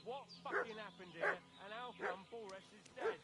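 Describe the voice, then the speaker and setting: An actor playing a brutal, foul-mouthed thug in a video game, menacing and aggressive. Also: male voice, high voice, moderate pace, natural voice. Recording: game audio under loud music.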